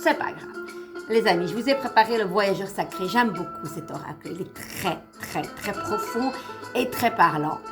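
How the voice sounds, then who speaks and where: A woman with a medium-pitched, lively voice and a slight lisp hosts a casual online tarot reading for her followers at normal speed. Chatty and encouraging, she repeats phrases for emphasis and trips over her words when pleased. Instrumental music plays behind her voice.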